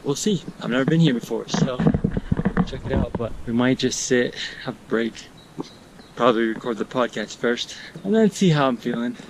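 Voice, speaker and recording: A man's voice: mid-range voice, expressive, normal speed, low-quality recording. A young man talking casually to camera on a mountain trail, a little out of breath as he walks. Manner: easygoing, talks while walking uphill. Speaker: vlogger. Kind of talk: casual hiking vlog to camera.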